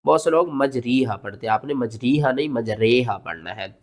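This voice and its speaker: A man teaches Quran pronunciation step by step, spelling words letter by letter and chanting verses slowly. Patient and explanatory, he asks questions and answers them himself, his mid-range voice sounding animated.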